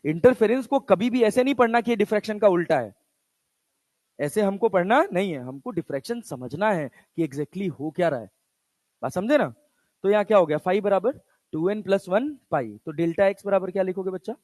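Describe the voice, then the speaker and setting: A man's voice: sits high, expressive, a little fast, darkish tone, no echo. A male physics teacher giving a lecture, firing questions at his students and answering them himself, in a casual, chatty way. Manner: casual, chatty teacher talk in Hindi with English terms. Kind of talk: classroom lecture.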